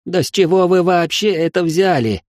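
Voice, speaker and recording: A man's voice: moderate pace, darkish tone, dry recording, clean studio sound, close to an everyday voice. A man voicing a prissy young male aristocrat who is easily shocked and talks in a whiny, exasperated way, in a comic storybook reading. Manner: whiny, exasperated, high strained voice.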